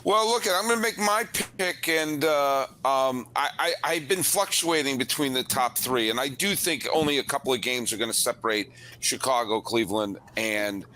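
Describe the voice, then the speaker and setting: A man hosting a podcast panel, rambling and excitable, with a voice that is going hoarse. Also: medium pitch, normal speed, a little hiss or hum, rough recording. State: losing his voice. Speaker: podcast host.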